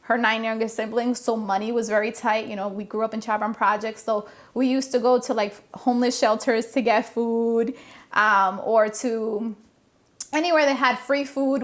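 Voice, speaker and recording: Woman, forties, open and reflective, slightly high voice. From Providence, Rhode Island. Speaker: podcast guest. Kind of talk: casual personal storytelling.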